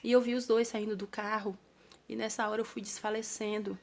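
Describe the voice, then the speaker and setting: A young Brazilian woman tells a personal story straight to camera, earnest and plain, sometimes stumbling and repeating words. Her voice has a gravelly, creaky edge at a medium pitch. A faint noise sits under the recording. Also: little pitch movement, fairly quick. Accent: Brazilian Portuguese. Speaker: vlogger telling her own story.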